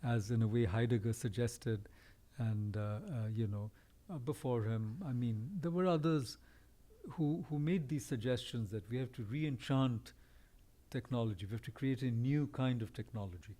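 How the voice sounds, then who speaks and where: Mellow-voiced man musing at length. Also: medium pitch, normal speed. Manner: discursive, thoughtful, pushes back gently. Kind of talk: reflective conversation.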